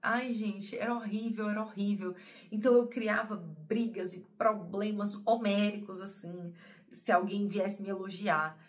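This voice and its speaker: A woman's voice: mid-range voice, steady tone, measured pace. A woman talking to her viewers in a personal, emotional monologue. She rambles, repeats herself and often calls her audience "gente". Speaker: spiritual channel host.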